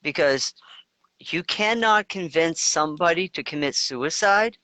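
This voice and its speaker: A man's voice: a little high, animated, measured pace, pushed and bright, no room sound. A man co-hosting a casual spiritual discussion, talking emphatically in long runs with crude asides. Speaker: co-host.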